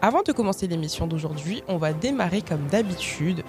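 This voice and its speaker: A woman hosting a radio interview show in a studio, reading measured, scripted introductions. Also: on the low side, expressive, music in the background.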